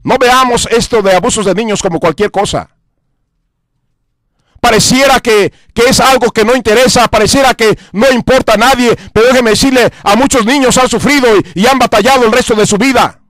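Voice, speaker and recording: A Mexican pastor speaks very high-pitched and fairly quickly, his tone fairly bright, in an echo-free radio studio. His earnest sermon relies on repetition and emphatic lists of points.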